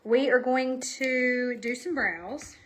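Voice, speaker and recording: A woman's voice: high-pitched, takes it slowly, fairly bright tone, faint music behind. A woman, chatting casually and a little out of breath while hosting a makeup live stream from home, rambling and talking straight to her viewers. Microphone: camera facing her.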